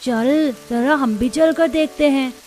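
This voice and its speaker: A woman's voice: high voice, takes it slowly, a little mellow. A woman voicing poor, hungry young village children, a boy and a girl, who plead and stammer in a cartoon. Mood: playful. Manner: pleading, stammering when upset. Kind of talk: Hindi cartoon voice acting.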